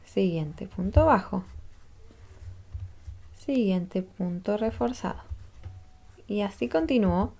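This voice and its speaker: A woman's voice: medium pitch, expressive, takes it slowly, vocal fry, pauses often, a little mellow. A woman, patiently teaching a crochet tutorial step by step and checking in with listeners as she counts rows aloud. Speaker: crochet instructor.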